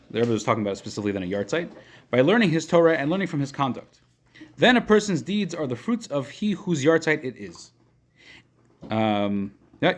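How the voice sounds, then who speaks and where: Male rabbi, slightly husky, informal text lesson for a group, explanatory, halting and rephrasing. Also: on the high side. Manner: explanatory, repeats and rephrases points, halting at times. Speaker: rabbi teaching a class. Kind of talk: informal religious lesson to a live group, reading and explaining texts.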